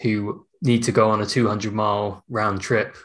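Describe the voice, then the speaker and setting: British male podcast co-host, slightly low voice, informal conversational delivery. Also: little pitch movement, normal speed. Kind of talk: casual chat.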